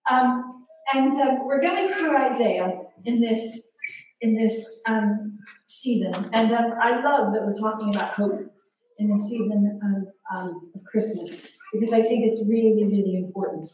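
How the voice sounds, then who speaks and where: Woman preacher, forties, lively self-mocking delivery, high voice, heard from far off in a very echoey church hall with faint noise. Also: measured pace. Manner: animated, self-mocking storytelling with frequent laughter. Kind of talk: sermon.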